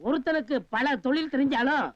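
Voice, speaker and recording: A meek high-voiced sidekick, lo-fi film audio. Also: male voice, fairly quick, no echo. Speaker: film comedy side character. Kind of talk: film comedy dialogue. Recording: dull lo-fi film soundtrack.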